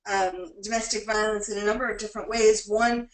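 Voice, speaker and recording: A woman moderating a webinar, brisk and quick to laugh. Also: medium pitch, steady tone. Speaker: webinar facilitator. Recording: roomy, distant call audio with faint hiss.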